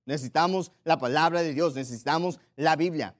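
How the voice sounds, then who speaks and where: A man preaching a sermon, emphatic and repetitive, slowing down to stress scripture and putting rhetorical questions to his listeners. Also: on the high side. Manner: emphatic, repeats key phrases, slows down for scripture.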